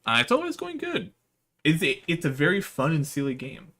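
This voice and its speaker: A live streamer gives casual, slangy gaming commentary, swearing and chatting with his viewers. His voice is fairly high and sharp, with wildly swooping pitch at a normal speed.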